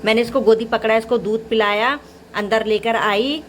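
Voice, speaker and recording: A woman's voice: on the high side, fairly even intonation, moderate pace, slight background noise. A young woman vlogging from her home kitchen, chatting casually to the camera about her day and her little son while she does her housework. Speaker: vlogger and mother. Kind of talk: casual daily vlog chat.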